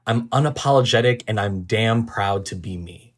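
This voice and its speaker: A man's voice: on the low side, moderate pace. A twenty-year-old American man, an activist speaking wryly and reflectively about growing up. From USA. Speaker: youth activist. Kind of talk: personal testimony interview.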